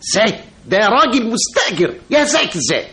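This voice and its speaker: An actor playing a smooth-talking Egyptian fixer who flatters and stammers when cornered. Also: male voice, high-pitched, quick pace, full character voice. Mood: coaxing.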